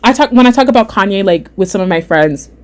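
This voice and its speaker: A young adult woman hosting a casual livestream chat, reading viewer comments aloud, animated and repeating herself often. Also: mid-range voice, quick pace. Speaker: livestream host.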